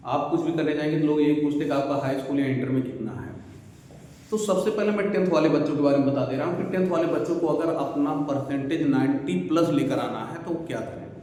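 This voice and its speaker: A man's voice: a little high, quick pace, mellow. A male teacher giving fatherly exam advice to students, recorded in an echoey room. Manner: fatherly, addresses students as beta. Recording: echoey room with faint hiss.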